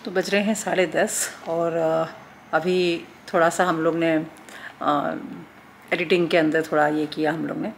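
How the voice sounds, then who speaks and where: A woman in her forties vlogs from her home into a handheld phone. She talks in a rambling, chatty way. Her voice is a little low for a woman, with faint background noise. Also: level tone, a little slow, gravelly. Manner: chatty, thinking aloud, many fillers. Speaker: vlogger. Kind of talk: casual vlog talk. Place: home interior. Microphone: phone camera at arm's length.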